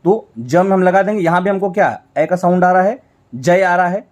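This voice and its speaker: A man's voice: high-pitched, darkish tone. A man teaching a shorthand class, working through examples step by step. He asks himself questions and then answers them. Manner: explains slowly, repeating each stroke. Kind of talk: step-by-step whiteboard lesson.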